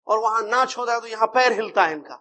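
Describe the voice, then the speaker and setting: A man's voice: high voice, bright, forceful tone. A man giving an Islamic creed lecture as a religious teacher, talking in a conversational way and putting rhetorical questions to his listeners.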